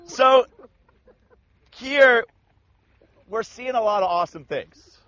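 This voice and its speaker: Animated high-voiced man retelling scripture. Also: slow, dry recording. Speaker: Bible teacher. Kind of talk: casual Bible discussion. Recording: dull lo-fi sound.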